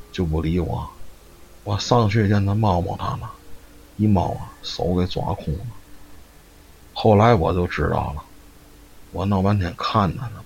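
A man voicing an old widow who confides in a hushed voice that she sees ghosts. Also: low voice. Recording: dull lo-fi stream audio, faint noise.

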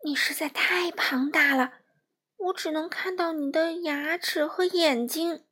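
A woman voicing a small silver fish, a brave and eager little male creature who talks in a high, excited voice. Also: unhurried. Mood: amazed.

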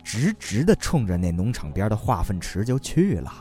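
Lively, playful male comic storyteller. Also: lowish voice, normal speed, faint music behind. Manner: lively, playful, punchline-driven. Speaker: host and narrator.

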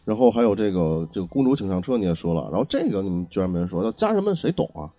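Dark, husky man explaining internet slang. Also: deep voice, lively intonation, racing, soft background music. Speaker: podcast co-host.

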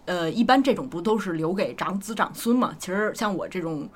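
A woman's voice: on the low side, expressive, a little fast, husky. A woman from Beijing with a Beijing accent, chatting casually as a podcast guest and often repeating her words. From Beijing, China. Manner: repeats short agreements and words. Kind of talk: casual conversational chat.

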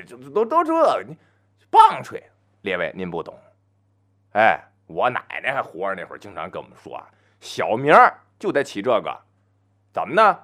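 Animated male storyteller, wildly swinging pitch. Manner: chatty, full of asides and interjections; chants verse slowly and grandly. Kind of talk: traditional solo storytelling.

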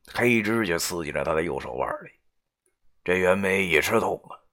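A man narrating a novel in the first person in a gruff, coarse, swearing manner. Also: sits low, fairly bright tone. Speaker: audiobook narrator.

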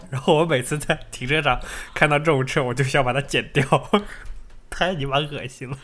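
A woman's voice: rumbling low, fairly even intonation, moderate pace, fairly bright tone, faint music behind. A woman co-hosting a live chat stream, dry, teasing and blunt in casual talk.

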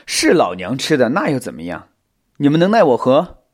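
A man's voice: mid-range voice, sing-song, normal speed. A man voicing an arrogant, ruthless giant wolf spider in a children's audio story, talking in a boastful, taunting way.

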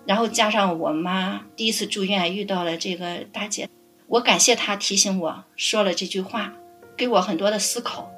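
A middle-aged woman caring for her parents, telling stories in a lively way and laughing often. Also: mid-range voice, moderate pace, soft background music. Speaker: family caregiver guest. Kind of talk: casual interview storytelling.

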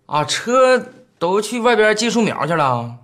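A man's voice: high voice, sing-song, a little slow, fairly bright tone, heavily acted. A polite young man. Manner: polite, hesitant.

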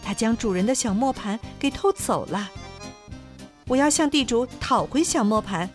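A woman voicing a brave, determined male rooster with a high, bright crowing voice in a storybook tale. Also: lively intonation, normal speed, faint music behind, lightly acted.

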